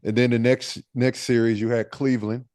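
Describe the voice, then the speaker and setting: A man's voice: mid-range voice, flat delivery, brisk, darkish tone, dry recording, clean studio sound. Laid-back man in casual sports talk. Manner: laid-back, thinks aloud with fillers. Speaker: podcast co-host.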